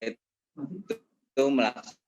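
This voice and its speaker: A man's voice: takes it slowly, a little mellow. Man, school official, hesitant, video call audio breaking up. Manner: hesitant, many "eh" fillers, ends phrases with "ya". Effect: voice breaking up over a bad connection. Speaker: school official giving a welcome address. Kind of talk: speech to pupils over an online class.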